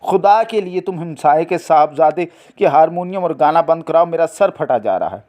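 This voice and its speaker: A man's voice: on the high side, lively intonation, normal speed, warm tone, natural voice. A man playing a sick, irritable middle-aged husband in a dramatic reading, groaning and complaining. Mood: grumbling.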